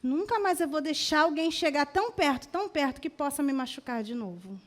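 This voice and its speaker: High-voiced Brazilian woman pastor preaching. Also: a little fast. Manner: animated, acts out quoted voices. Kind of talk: sermon.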